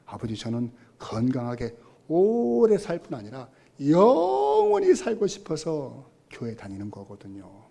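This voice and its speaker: Man voicing a respectful son, soft-spoken and earnest. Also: a little high, wildly swooping pitch, a little slow, vocal fry, few pauses, heavily acted. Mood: pleading. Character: earnest grown son pleading politely with father.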